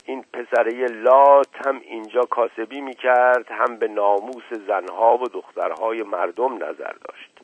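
A man's voice: medium pitch, steady tone, hardly any pauses, husky, no echo. Man narrating a story over thin radio. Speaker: audiobook narrator. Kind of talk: scripted narration. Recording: tinny dry radio recording.

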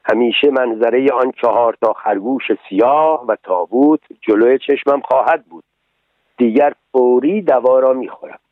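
A man voicing a stubborn, whiny wooden puppet boy in a storybook reading, with high, pleading protests over a tinny radio broadcast. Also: no room sound, natural voice. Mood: contrite.

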